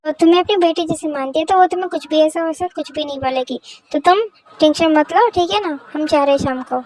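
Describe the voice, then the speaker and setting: A woman's voice: high-pitched, quick pace, a little mellow, lightly acted. A woman voicing a strict, bossy mother who scolds her daughter in a fan-fiction voice story. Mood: scolding.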